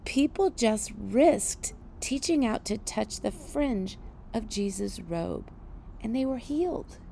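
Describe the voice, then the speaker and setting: Slow, animated woman teaching scripture. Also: on the high side, gravelly, slight background noise. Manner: animated, with rhetorical questions and little laughs. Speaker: devotional teacher. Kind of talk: devotional Bible teaching.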